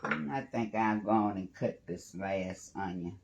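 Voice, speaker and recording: A man's voice: fairly low pitch, animated, measured pace, gravelly, noisy background. A man hosting a casual live cooking stream from his home kitchen, chatting and greeting viewers by name as he cooks. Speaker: home cooking livestream host.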